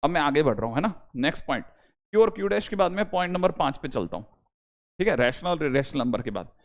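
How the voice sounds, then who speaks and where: A man's voice: a little high, big pitch swings, fast. A young man teaching a maths class online, repeating reminders to his students and switching between Hindi and English. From India. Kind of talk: online lecture.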